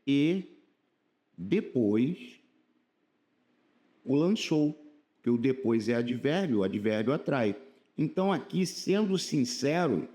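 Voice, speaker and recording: A man's voice: medium pitch, a little mellow. A man with a Brazilian Portuguese accent giving a casual exam-prep grammar lesson, speaking to viewers in a slangy, direct way.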